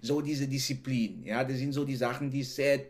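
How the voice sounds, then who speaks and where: Fairly quick and mid-range, the voice belongs to a man from Cameroon whose first language isn't German. As a guest in a casual podcast interview, he's animated, laughs frequently, and keeps using "genau" and "ne."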